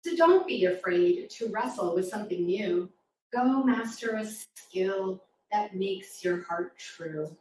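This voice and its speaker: At a live storytime in a spacious venue, a woman reads rhyming verse to young children, encouraging them and drawing them in. Her medium-pitched voice is expressive and slightly mellow, and she takes her time. The recording comes from a distant mic in an echoey room, with faint noise.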